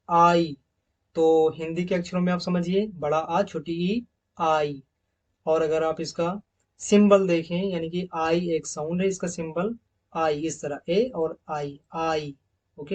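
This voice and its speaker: A man's voice: fairly high pitch, fairly even intonation, normal speed, mellow, recorded from a distance. A man teaching English pronunciation, saying each sound several times over and calling viewers his friends. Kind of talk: recorded slide lesson on pronunciation.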